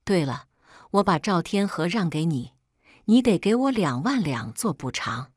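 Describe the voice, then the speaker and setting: A woman storyteller reading a first-person story in a brisk, wry way. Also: fairly low pitch, sing-song, a little mellow, breathy edge, dry recording, clean studio sound.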